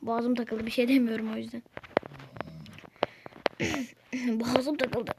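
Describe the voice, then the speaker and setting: A woman's voice: on the high side, level tone, slow, heavy background noise. A woman giving casual gameplay commentary to her followers, grumbling and exasperated at the game. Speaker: gameplay video maker.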